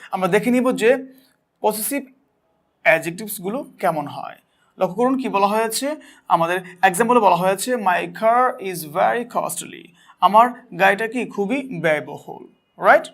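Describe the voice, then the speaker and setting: Teaching an English grammar lesson in a Bangladeshi accent, this man puts questions to himself and answers them, then reads examples at a slow pace. His voice is high-pitched, animated, and fairly bright.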